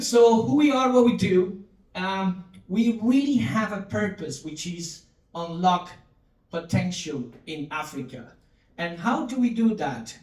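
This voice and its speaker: A company CTO delivers a conference keynote in a large, echoey hall, captured by a distant mic. He has a high voice and an engaging style, asking the audience to respond, with many fillers and restarts.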